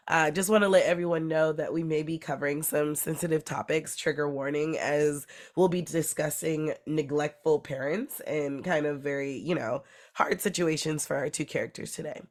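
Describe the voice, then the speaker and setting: Female podcast host, a bit low-pitched, congested sick voice, chatty, home bedroom setup. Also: normal speed. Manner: laughs between lines, chatty. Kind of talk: casual podcast chat.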